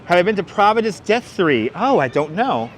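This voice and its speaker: A very animated man with a high-sitting voice and a thick Brooklyn accent talks at a moderate pace while hosting a live walking tour of Manhattan's busy streets. It's casual stream chat and street commentary. The recording is rough, with clear traffic noise and vehicles in the background.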